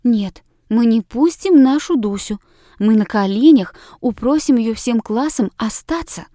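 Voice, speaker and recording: A woman voicing an excitable, dreamy schoolgirl who pleads in a loud voice in an audiobook. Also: fairly high pitch, unhurried, dry recording, studio quality. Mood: pleading.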